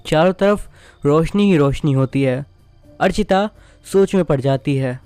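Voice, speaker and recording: A man's voice: fairly high pitch, a little mellow, clean tone, no echo, soft background music. Man narrating a horror story. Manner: measured, suspenseful storytelling.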